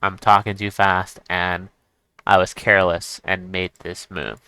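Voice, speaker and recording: A man's voice: sits low, level tone, a little slow, bright, forceful tone, clear, resonant tone, no room sound. A man giving casual chess commentary as he plays, thinking aloud and restarting his sentences. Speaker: chess streamer.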